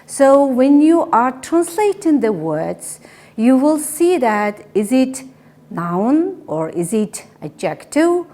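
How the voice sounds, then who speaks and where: A woman teaches English vocabulary, saying each word slowly and repeating it for her students. Her voice is mellow and dark, and her pitch moves in lively rises and falls. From Mongolia. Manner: slow, deliberate, repeating each word for learners. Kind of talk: vocabulary lesson with repetition drills.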